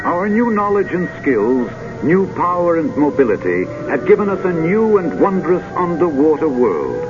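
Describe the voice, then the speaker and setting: Man, old sci-fi announcer, stately scripted narration, animated intonation, poetic emphasis, clear music behind. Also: a little high. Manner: grand, dramatic, measured delivery with poetic emphasis and drawn-out phrases. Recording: dull vintage film soundtrack with music.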